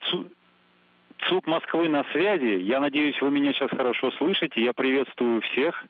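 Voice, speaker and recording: A man's voice: mid-range voice, normal speed, no echo. Man, mission control officer, formal courteous greeting, thin narrow-band radio link, dry. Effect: tinny, dry radio link.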